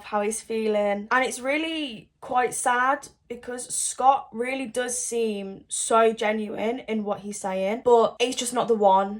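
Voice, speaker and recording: A young woman doing casual reaction commentary on a reality show, expressive and sassy, often exclaiming in disbelief. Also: a little high. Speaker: reality TV recapper.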